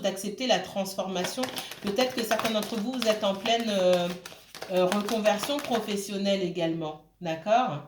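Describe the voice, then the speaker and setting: A woman gives a casual tarot reading in a talky, halting way, stopping and restarting and checking in with her listeners again and again. Her voice sits in an ordinary middle range, and the room around her has a noticeable echo. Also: medium pitch. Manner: hesitant, with many fillers and restarts. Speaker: tarot card reader. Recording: roomy echo.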